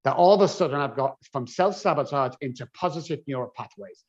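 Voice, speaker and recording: A man's voice: mid-range voice, a little fast. Guy telling recovery stories with lots of voices, kinda muffled sound. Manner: animated anecdotal storyteller, acts out dialogue. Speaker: addiction recovery specialist. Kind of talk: storytelling interview answer.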